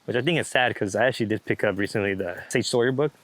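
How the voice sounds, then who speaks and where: Fast-paced and lowish in pitch, this man's voice has a fairly bright tone. He's a street photographer in an interview, chatting in a relaxed, rambling way about his photography with liberal swearing.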